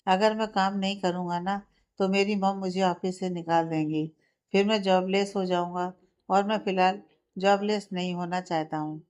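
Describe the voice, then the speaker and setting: A woman's voice: mid-range voice, fairly even intonation, normal speed, darkish tone, close to an everyday voice. Storybook: exasperated, teasing young husband, read by a woman narrator. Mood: sheepish. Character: young man, irritated but caring husband.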